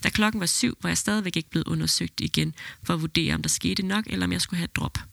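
A midwife and podcast host, she reads a birth story evenly and steadily, then talks it over. Her lowish voice is gravelly, and the recording has no room sound.

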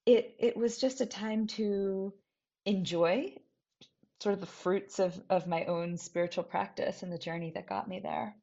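A woman's voice: medium pitch, a little mellow. Thoughtful American woman, lo-fi sound. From New Hampshire, US. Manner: thoughtful, searching, with restarts. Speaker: scholar and teacher. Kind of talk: reflective personal talk. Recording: dull lo-fi recording.

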